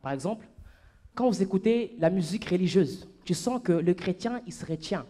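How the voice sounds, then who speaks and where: A man doing a stand-up comedy set on stage, playful and animated, breaking into falsetto and shouts for gags. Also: moderate pace. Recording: live club with audience.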